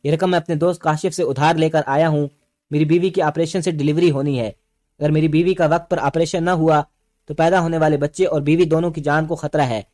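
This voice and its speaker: Give me a man playing a frightened husband pleading in a storybook reading, voice a bit high. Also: fairly even intonation, darkish tone, natural voice. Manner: begging, pleading.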